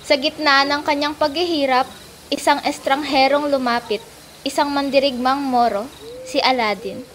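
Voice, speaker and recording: A woman narrates in old radio drama style, reading from a script. Her voice is high, and faint ambient noise sits behind it. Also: fairly even intonation, normal speed, fairly bright tone.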